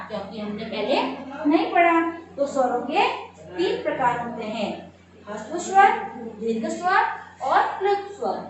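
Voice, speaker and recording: A young woman teacher explaining a lesson, asking questions and answering them herself, repeating key terms. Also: high-pitched. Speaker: school teacher. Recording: echoey room, voice far from mic, audible noise.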